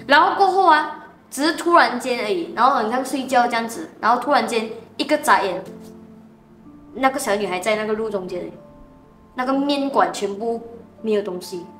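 A woman co-host, telling a ghost story in an animated, dramatic way in casual chat. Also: fairly high pitch, moderate pace, roomy sound, faint music behind.

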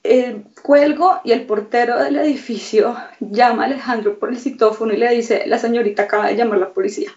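A woman's voice: a little high, steady tone, a little mellow. Shaken young woman recounting, slightly distant. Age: young adult. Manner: halting, shaken retelling with many repeated words. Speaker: interviewee recounting an assault. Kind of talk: emotional testimony in a news interview. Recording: slightly distant, dull lo-fi sound.

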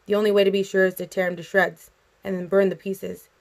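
A woman's voice: mid-range voice, level tone, fast, close to an everyday voice. A woman reading as a brooding young vampire man. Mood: grave.

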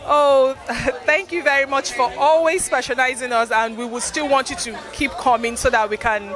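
A woman's voice: sits high, fairly even intonation, normal speed. A Nigerian woman who owns a salon, answering questions politely and a little shyly while showing guests around. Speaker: salon owner. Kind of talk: guest interview on a salon tour. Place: busy salon during a launch event. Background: loud music and crowd.

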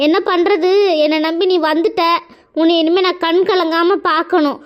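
A woman's voice: extremely high pitch, steady tone, normal speed, muffled recording. A woman voicing a tearful young husband in a cartoon, pleading and emotional. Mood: resolute. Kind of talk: cartoon voice acting.

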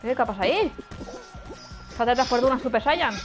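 Woman gamer, high voice, excitable, music playing behind. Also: fast. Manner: excitable, cheering and groaning at the game. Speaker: gamer streamer. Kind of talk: casual gameplay chat with friend.

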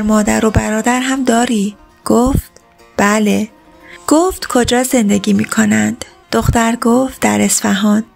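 A woman's voice: a little high, vocal fry. A woman reading a folk tale aloud as scripted narration, voicing the characters' lines within the telling. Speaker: storyteller. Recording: narration with background music.

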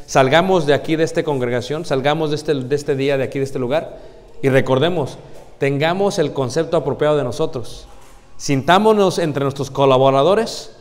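A man preaching a sermon to a congregation, often pausing on rhetorical questions he answers himself. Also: on the high side. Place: church congregation. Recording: long church hall reverb.

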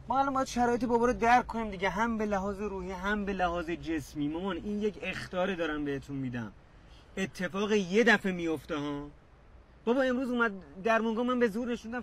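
An actor playing a young doctor son trying to calm his parents, in a TV drama. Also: high voice, slight background noise, close to an everyday voice. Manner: pleading, placating.

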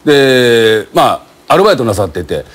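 A man's voice: mid-range voice, normal speed. A man with a Kansai accent telling a comic anecdote on a variety show, acting out the people in the story. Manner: animated, acts out the characters in the story. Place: TV studio with an audience. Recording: loud studio audience laughter.

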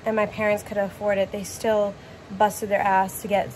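A woman in her thirties gives a casual, reflective vlog monologue at an average pitch. She is recorded on a phone at arm's length in a bedroom, with slight noise in the background. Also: level tone, moderate pace, darkish tone, rough recording. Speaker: vlogger. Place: bedroom at home.

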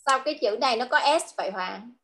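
Vietnamese-accented woman, English tutor on a video call, high bright voice, patient drilling of words. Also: expressive, noisy background. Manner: slow, drawn-out model phrases, switching to Vietnamese explanations. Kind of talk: online English lesson for a child.

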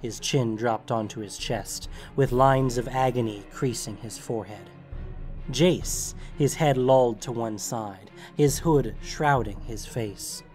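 Male narrator: mid-range, dramatic, steady story reading. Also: mid-range voice, takes it slowly, faint music behind.

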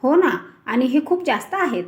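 A caring young wife, eager and full of questions, voiced by a woman storyteller. Her voice is high and bright, spoken as part of a storybook tale. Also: lively intonation, moderate pace, highs cut off. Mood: curious.

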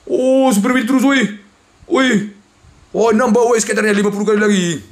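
A young man, giving loud, excited commentary on a slot game as he plays, swinging between yells and mutters. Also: sits high, moderate pace. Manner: loud, shouting and exclaiming, jumpy swings between yelling and muttering.

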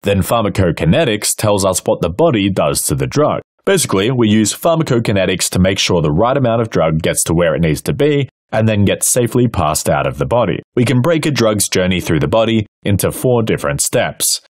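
Deep, lively male explainer narrator. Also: brisk, few pauses, no echo, studio quality. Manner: playful, wry explaining. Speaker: host and narrator. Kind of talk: scripted educational narration.

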